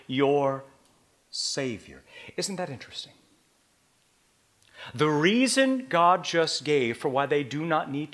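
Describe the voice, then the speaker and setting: A man preaching a sermon as pastor, swinging between quiet, intense passages and loud emphatic ones, often asking the congregation rhetorical questions. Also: medium pitch.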